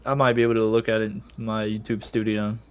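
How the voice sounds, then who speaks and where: A man's voice: on the low side, little pitch movement, fast, clean tone, dull audio. A young man hosting a podcast in casual chat, rambling and self-mocking, with plenty of swearing. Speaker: podcast host.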